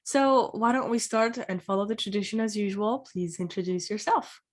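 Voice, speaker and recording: A woman's voice: mid-range voice, moderate pace. A woman hosting a career interview show, opening with upbeat, welcoming, script-like introductions and questions.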